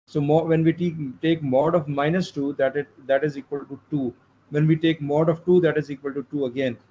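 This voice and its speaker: A man's voice: on the high side, warm tone. A man lecturing patiently on programming, with many fillers and restarts, recorded with dull lo-fi sound. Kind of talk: live online lecture. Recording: dull lo-fi sound with faint noise.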